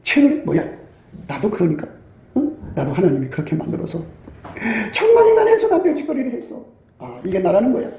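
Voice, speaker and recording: Animated, gravelly-voiced Korean man preaching. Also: high-pitched, quick pace, echoey room. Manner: emphatic, scolding, with acted-out quotes. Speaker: pastor. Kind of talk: sermon.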